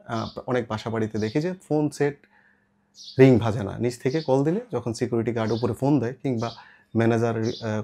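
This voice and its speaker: Mellow and medium in pitch, a man with a Bangladeshi accent presents products as a shop seller, demonstrating them casually one step at a time and slipping in English words. Clicks and clear background noise run through the recording.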